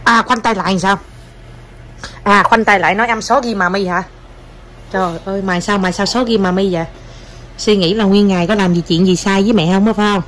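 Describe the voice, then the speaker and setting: A woman's voice: mid-range voice, steady tone, a little fast, pauses often, fairly bright tone, slight background noise. A woman with a Southern Vietnamese accent, a mother at home teasing and coaxing her toddler in a casual vlog. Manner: playful, teasing, coaxing baby talk.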